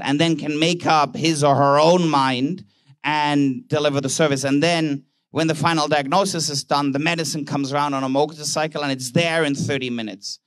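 A man's voice: fairly high pitch, fairly bright tone, no echo. A man giving a conference keynote speech, telling anecdotes and briefly playing out little dialogues in different voices. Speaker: conference speaker, banker. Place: conference hall.

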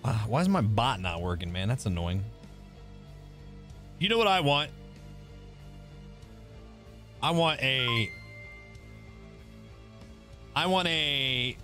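A man's voice: medium pitch, fairly bright tone. A man in his thirties chatting casually on a game livestream, often repeating his phrases, close on the mic. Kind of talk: casual livestream chat over gameplay.

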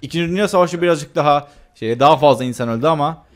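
A man's voice: on the high side, fast, a little hiss or hum. Chatty young man narrating gameplay. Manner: chatty, joking, with filler sounds. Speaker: gameplay commentator. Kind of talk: casual let's-play commentary.

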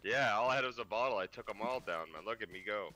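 A man's voice: fairly low pitch, fast, bright, forceful tone, low-quality recording. A man teasing his friends and boasting while playing an online game. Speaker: player. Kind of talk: gameplay voice chat.

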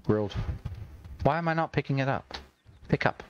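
A man's voice: mid-range voice, normal speed, highs cut off, slight background noise. A young Australian man streaming a video game, chatting, joking and swearing as he plays. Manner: chatty, swears and jokes while playing. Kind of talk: gaming livestream commentary.

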